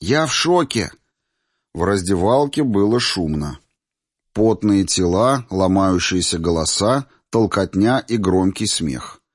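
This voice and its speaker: A man narrating an audiobook in a measured, even storytelling manner. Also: low-pitched, dry recording, studio quality.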